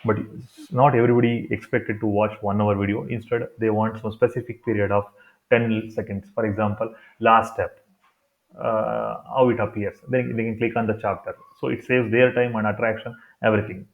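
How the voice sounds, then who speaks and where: A thin, phone-like recording carries a man's fairly low voice. He speaks English with a Kannada accent from India. He walks through software steps informally, improvising and repeating himself as he explains. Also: level tone, normal speed, vocal fry. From Karnataka, India. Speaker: tutorial presenter. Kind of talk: unscripted step-by-step screen tutorial. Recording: thin, phone-like narrow-band sound.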